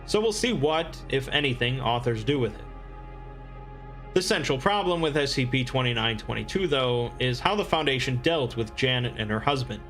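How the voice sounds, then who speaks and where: A man reading scripted explainer narration in a measured, expository manner. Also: medium pitch, expressive, fairly bright tone, soft background music.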